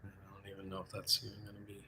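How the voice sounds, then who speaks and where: Deep, gravelly-voiced man talking fast. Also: completely flat delivery, sharp tone, a little hiss or hum. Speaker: husband and father. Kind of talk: casual chat.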